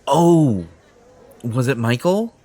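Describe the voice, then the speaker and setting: Acting out an audio roleplay to the listener, a man portrays a superhero who is smug, possessive and entitled, coaxing in a pompous, self-satisfied, condescending way. His voice is medium-pitched, expressive and warm, and he takes it slowly.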